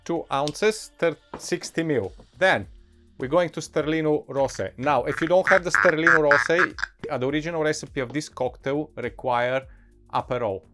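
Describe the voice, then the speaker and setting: A man's voice: fairly high pitch, fairly bright tone. A man with a non-native English accent presents a casual, enthusiastic instructional tutorial as a bartender, talking directly to viewers. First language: not English. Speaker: bartender presenting cocktail recipes. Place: indoor bar set, behind counter. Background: music.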